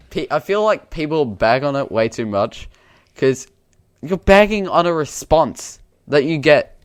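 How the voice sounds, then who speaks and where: A man's voice: mid-range voice, smooth, dry recording, studio quality. A young man co-hosting a casual podcast, rambling and joking about himself. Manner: rambling, self-mocking, meme-joking. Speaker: podcast co-host. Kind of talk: casual chat.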